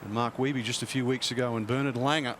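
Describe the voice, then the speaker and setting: A man's voice: mid-range voice, fairly even intonation, fast, fairly bright tone. A man giving conversational commentary on a golf tournament as a commentator. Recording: outdoor broadcast, clear ambient noise.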